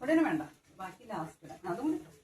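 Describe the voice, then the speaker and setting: Distant woman giving quiet cooking tips. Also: medium pitch, very animated, fast, echoey room. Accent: Kerala Malayalam. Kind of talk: casual kitchen chat. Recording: distant voice, noisy kitchen.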